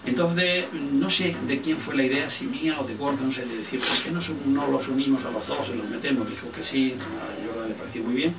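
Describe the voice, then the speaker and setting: Faint music sits under a roomy recording from a distant microphone as an older man, a film director from Spain with a Spanish accent, looks back casually in an interview. His mid-pitched voice echoes distantly; he hunts for words and repeats some for emphasis.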